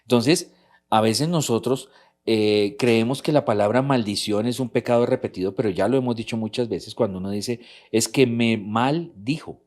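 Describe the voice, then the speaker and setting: In a church talk about marriage, a middle-aged man from Colombia who serves in a couples ministry teaches and goes back over his key ideas. He speaks at normal speed with a medium-pitched, darkish voice.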